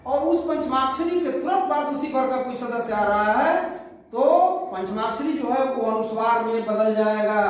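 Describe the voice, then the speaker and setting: A woman teaching a grammar class, explaining slowly, repeating key words and asking the class questions, recorded from a distance in a classroom. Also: fairly high pitch. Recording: very echoey room, voice far from the mic.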